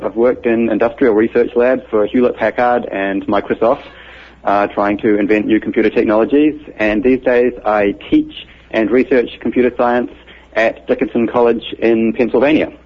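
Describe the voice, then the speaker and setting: Heard through muffled radio audio, a computer scientist with a New Zealand accent talks through concepts in a patient, methodical way as an interview guest. He speaks at normal speed with a steady, medium-pitched tone and a breathy edge.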